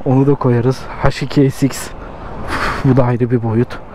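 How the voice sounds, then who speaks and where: A man chatting casually as a vlog host, exclaiming with excitement as he comments outdoors. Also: medium pitch, moderate pace. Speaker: motovlogger, host. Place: outdoors on a city street outside a motorcycle shop. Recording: outdoor street sound with people around. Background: people chatting, street traffic.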